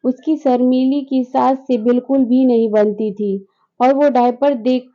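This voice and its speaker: A woman's voice: high-pitched, fairly even intonation, a little slow, dull audio. A woman telling a family story as scripted narration, reading each character's lines in her own voice after naming them.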